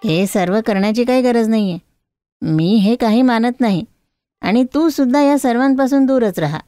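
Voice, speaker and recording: A woman's voice: fairly high pitch, normal speed, dark tone, no echo, soft background music, natural voice. A woman voicing a harsh, scheming older mother-in-law in a cartoon story, scolding and taunting as she gives orders.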